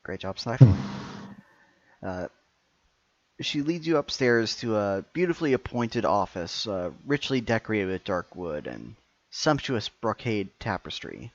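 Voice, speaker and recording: A man's voice: on the low side, big pitch swings, unhurried, dry recording. A man acting as game master, narrating scenes casually and descriptively for a tabletop game. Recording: muffled, lo-fi mic.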